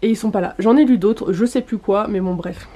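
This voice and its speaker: A woman's voice: mid-range voice, a little fast, dark tone. A woman vlogger chatting casually about her books, with many fillers and a voice she says she is losing. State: losing her voice, clearing throat. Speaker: book vlogger. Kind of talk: casual chat.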